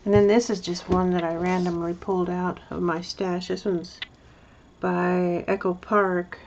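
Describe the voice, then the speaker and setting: Gravelly, flat-toned woman crafting vlogger. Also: lowish voice, unhurried, muffled recording, slight background noise. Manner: rambling, hesitant, chatty with many restarts. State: mouth full of candy. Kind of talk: casual show-and-tell craft video.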